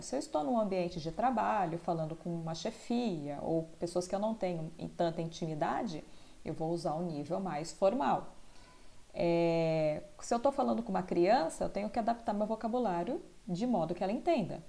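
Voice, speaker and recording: A woman's voice: lowish voice, vocal fry, warm tone. A woman teacher explaining a school lesson, often checking in with tag questions.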